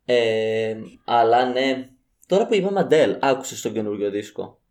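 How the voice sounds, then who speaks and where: A young man from Cyprus, co-hosting a casual chat in a relaxed, measured way. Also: mid-range voice.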